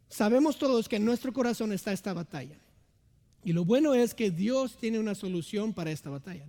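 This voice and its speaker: A young assistant pastor preaching an earnest sermon, often turning to his listeners for agreement. His voice sits very high for a man. The sound rings with a long reverb from a church sanctuary. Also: a little mellow. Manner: earnest, asks the congregation "¿verdad?" often.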